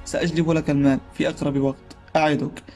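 A man's voice: on the high side, level tone, fast talker, a little mellow, soft background music, close to an everyday voice. A man reading a story aloud while voicing a frightened young woman who pleads in tears. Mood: frightened pleading. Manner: urgent, pleading.

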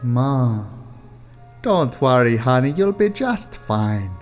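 A man voicing a sweet, syrupy young woman who coos her lines slowly. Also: rumbling low, big pitch swings, darkish tone, soft background music, voice pushed up, exaggerated voice. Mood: sugary.

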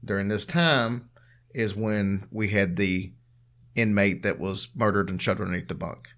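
An unhurried podcast co-host with a low, fairly bright voice tells ghost stories in relaxed, chatty talk. His manner is dry and teasing.

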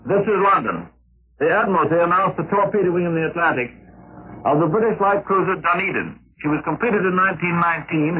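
A high-voiced man reads 1940s radio news in a formal announcer's manner. His words come through very rough and husky over a thin, phone-like shortwave relay. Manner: formal old-time radio announcer delivery. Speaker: radio news correspondent in London. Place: radio broadcast relayed from London.

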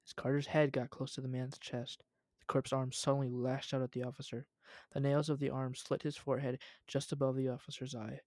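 A man's voice: mid-range voice, level tone, fairly quick, a little mellow, dry recording, studio quality. A young man reading a story aloud at home, casual, with asides.

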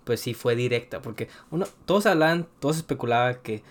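A man's voice: medium pitch, expressive, quick pace. A young man, co-hosting a casual chat show, bantering loosely with lots of slang. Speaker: podcast co-host.

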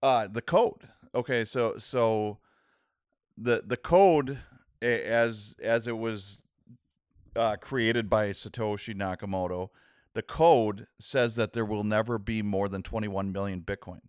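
A man explaining a technical subject in a casual interview, talking in halting bursts with many restarts and "right?" checks. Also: fairly low pitch, clean tone, no room sound, studio quality. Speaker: guest explaining Bitcoin.

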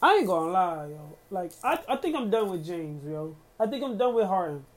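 A man's voice: sits high, very animated, moderate pace. Profane, heated man ranting solo. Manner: profane, heated, talks through slang and fillers. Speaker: podcast host. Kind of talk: casual solo rant.

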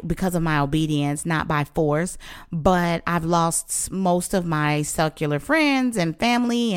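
A middle-aged woman speaks as a minister giving a heartfelt personal testimony. Her voice sits fairly low, and it leaps into high, pleading tones as she recounts crying out in prayer. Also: smooth. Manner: emotional, breaks into high pitched pleading when recounting prayer.

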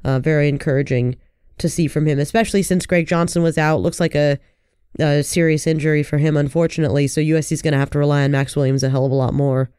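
A man's voice: on the high side, steady tone, fast talker, a little mellow, smooth, dry recording, clean studio sound. A man co-hosting a sports podcast with casual, earnest commentary, repeating phrases for emphasis while under the weather with a cold.

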